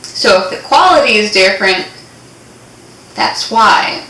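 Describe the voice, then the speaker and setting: Theatrical young woman reading a story for laughs; bright voice, echoey room, mic at a distance. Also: medium pitch, animated, unhurried. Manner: playful, theatrical, giggly. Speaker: co-host reading fan fiction. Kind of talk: casual reading aloud with comic asides.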